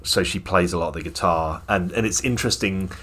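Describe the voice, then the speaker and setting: A man's voice: low-pitched, brisk, a bit bright, slight background noise. A man co-hosting a podcast, chatting about music in an enthusiastic, opinionated way. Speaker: podcast co-host. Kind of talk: casual music chat.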